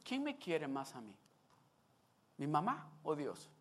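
A male preacher giving a sermon, telling a story and acting out its scenes in an animated way. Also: on the high side, takes it slowly.

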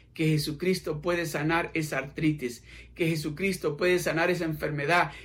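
A male pastor delivers a fervent sermon in a high, bright voice. He repeats phrases to build intensity and addresses each listener directly. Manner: fervent, repetitive preaching.

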